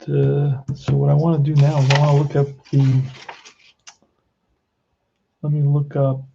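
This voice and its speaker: A man's voice: a little high, completely flat delivery, measured pace, creaky, mellow, slightly rough, highs cut off. A man in his sixties with a Queens, New York accent, chatting casually and bluntly in an off-the-cuff hobby tutorial. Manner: blunt, plain-spoken, addresses listener as "man". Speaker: tabletop baseball hobbyist giving a tutorial.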